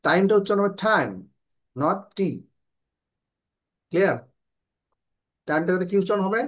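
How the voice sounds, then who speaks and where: A man with a Bangladeshi accent teaching an online English class, explaining in Bengali and slowly modelling English phrases. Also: high voice.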